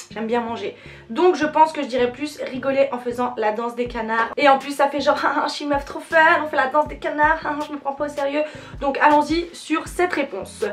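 A young woman with a French accent and a high, bright voice talks straight to camera in a loose, teasing vlog style. She fills her talk with little hesitations and self-mocking asides. Faint music sits under her voice. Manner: playful, self-mocking, chatty with filler words. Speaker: dance channel host. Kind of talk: casual vlog chat.

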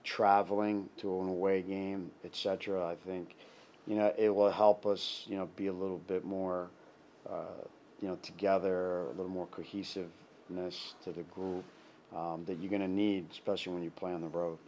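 A middle-aged man, a head soccer coach, giving a halting post-game interview full of restarts and fillers. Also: deep voice, level tone, a little mellow, a little hiss or hum. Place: indoor press backdrop. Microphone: clip-on lapel mic.

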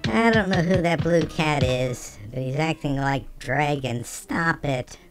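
A game streamer talking through a voice changer that shifts the pitch, chatting casually with viewers while playing. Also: a little slow, faint music behind. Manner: chatty, talks to chat between game actions. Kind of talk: casual let's-play chat with viewers.

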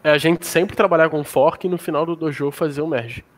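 Fast-talking man on a video call. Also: fairly high pitch, fairly even intonation. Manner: quick, matter-of-fact suggestions. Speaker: coding dojo participant. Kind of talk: casual online meeting chat. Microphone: home computer mic on video call.

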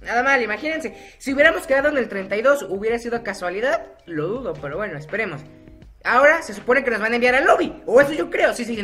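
Young guy narrating his game, bright voice, jokey and chatty, a bit of music behind. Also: high-pitched. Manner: chatty, self-mocking, laughs often, sings goofy bits. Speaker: gaming YouTuber. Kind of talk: casual gameplay commentary.

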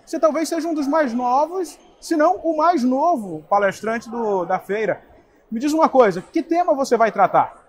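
A man's voice: extremely high pitch, animated, normal speed, darkish tone, slight background noise. A young man, interviewing a guest at a trade fair booth on a lapel mic. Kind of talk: event interview.

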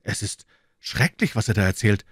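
A man's voice: fairly low pitch, animated, normal speed, fairly bright tone, breathy edge, no echo, clean studio sound. A man reading an earnest young musketeer in an audiobook, lifting his voice into shaken exclamations. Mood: shocked.

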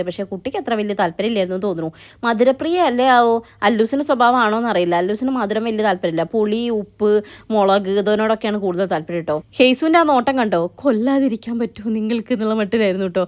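Very fast-talking chatty young woman. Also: medium pitch. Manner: chatty, keeps adding 'you know' tags. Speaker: family vlogger. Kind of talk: vlog voice-over narration.

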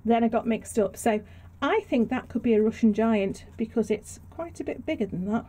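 A slightly high, warm and husky female voice belongs to a British gardening vlogger wandering through her allotment and greenhouse. She rambles in a chatty, self-deprecating way, and the audio comes noisily from the built-in microphone of a handheld camera outdoors.

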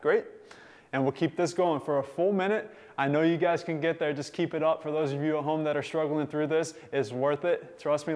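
A man's voice: a little high, darkish tone. A man leading a suspension-strap workout video, cheering on his demonstrators and viewers at home and calling out the time left. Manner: upbeat, encouraging, counting down time. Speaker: fitness instructor.

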